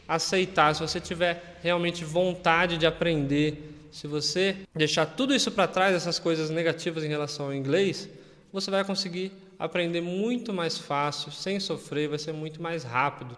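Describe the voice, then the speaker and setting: Brazilian guy teaching english, bit high voice, chatty, lots of reverb. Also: fairly bright tone. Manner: chatty, keeps checking in with listeners. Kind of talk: casual video lesson.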